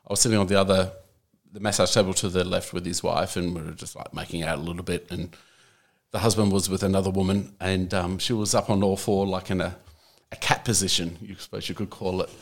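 A man's voice: sits low, steady tone, fast talker. A man telling a story in casual chat, hesitant and full of fillers, laughing at times.

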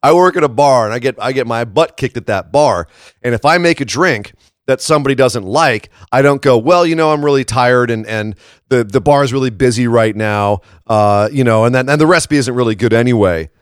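Tired after a late shift, a male podcast host chats casually about wrestling in a froggy, slightly hoarse morning voice. His mid-range voice moves briskly as he makes emphatic points and checks in with tag questions. There's no room sound; the recording is dry and close.

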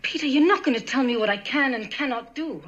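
A woman's voice: sits high, a little fast, fairly bright tone, muffled recording. An actress playing a defiant young woman who stands up to her boyfriend in a 1970s film drama, firm and cold.

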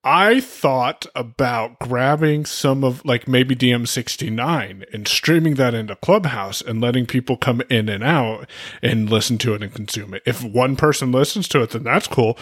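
A chatty man co-hosts a laid-back tech podcast and laughs easily. His voice sits at a middle pitch. The sound is dry and close to the mic. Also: normal speed, no room sound. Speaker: podcast co-host. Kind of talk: casual chat.

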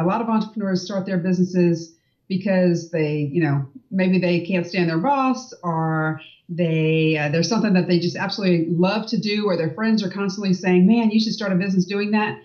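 A woman's voice: lowish voice, moderate pace, warm tone. A woman sales coach in a casual interview, explaining confidently with many "you know"s and "right?"s. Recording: distant, dull remote audio.

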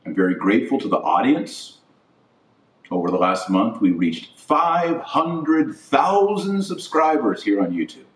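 A middle-aged man hosts a podcast with a medium-pitched, very animated voice, speaking a little slowly. He gives emphatic opinion commentary in short, repeated declarative phrases. It was captured on a webcam setup with a distant mic and roomy echo.

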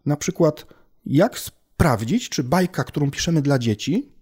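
Dark-voiced man explaining casually. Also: a little high, lively intonation, unhurried, husky. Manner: explains with homely examples, thinks aloud with fillers. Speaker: language researcher guest. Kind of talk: casual expert conversation.

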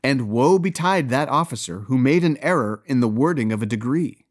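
Wry male storyteller, lively intonation. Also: medium pitch, moderate pace. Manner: wry, gently ironic storytelling. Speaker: narrator. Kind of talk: scripted storybook narration.

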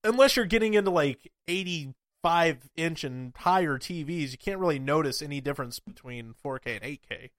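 A man's voice: a little high, expressive, normal speed, hardly any pauses, a bit bright, dry recording, clean studio sound. A man co-hosting a podcast, chatting easygoing about tech gear. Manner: easygoing, nerdy tech talk. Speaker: podcast co-host. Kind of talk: casual chat.

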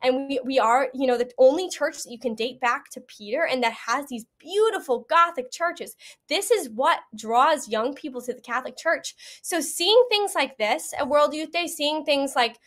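Speaking with a high, slightly bright voice at normal speed, this young adult woman uses lively intonation. She is an interview guest who attended World Youth Day, giving an earnest eyewitness account in conversation, with plenty of "you know" asides.

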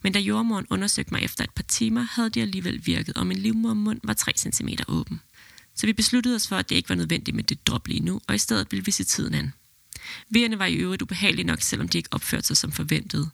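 A woman who is a midwife and podcast host, reading a birth story aloud in an even, steady way and then talking it over. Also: mid-range voice, vocal fry, no echo.

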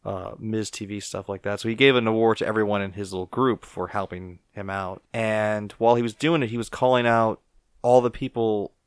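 A man's voice: fairly low pitch, fairly even intonation, fairly quick, clear, resonant tone, no room sound, clean studio sound. A man co-hosting a podcast, chatting casually and with strong opinions, often acting out quoted lines as he rambles. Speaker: podcast co-host. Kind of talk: casual wrestling chat.

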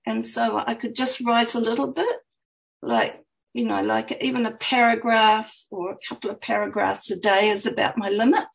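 A woman's voice: on the high side, animated, moderate pace, vocal fry, low-quality recording. A woman author talking about her book and reading from it in a chatty, hesitant way. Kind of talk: interview answers and reading aloud.

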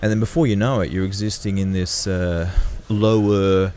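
A man's voice: low-pitched, steady tone, normal speed, mellow, slight background noise. A man hosting a podcast, summing up keenly and stumbling over his words with repeated restarts. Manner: enthusiastic, stammering restarts. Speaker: podcast host. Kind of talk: casual podcast interview.

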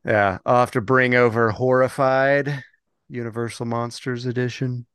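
A man's voice: mid-range voice, fairly even intonation, normal speed, a bit bright, clear, resonant tone, no echo. A man co-hosting a podcast in casual chat, rambling from topic to topic and laughing often. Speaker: podcast co-host.

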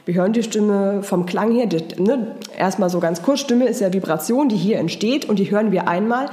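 A woman's voice: medium pitch, normal speed, mellow, echoey room. A woman voice and charisma trainer, coaching live and answering viewer comments in an encouraging, patient way. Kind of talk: live-stream coaching talk.

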